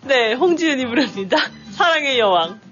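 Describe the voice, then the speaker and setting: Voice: high-pitched, very animated, normal speed, over music. A radio co-host chatting casually, giving brief agreeable replies. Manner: agreeable, brief responses, laughs along. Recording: muffled radio broadcast.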